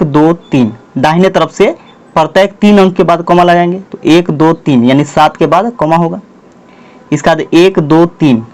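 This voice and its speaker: A man with a Bihari Hindi accent teaches a school math lesson at the board, dictating each number slowly, word by word. His voice is a little high for a man.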